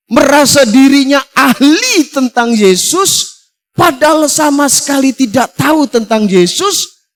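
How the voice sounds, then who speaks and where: A man pastor preaching a sermon, emphatic and full of rhetorical questions. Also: very high-pitched.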